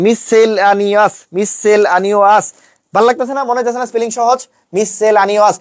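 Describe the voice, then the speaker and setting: Fast-talking man teaching online. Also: sits high, darkish tone. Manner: chanting mnemonics; colloquial teasing. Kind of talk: online lesson.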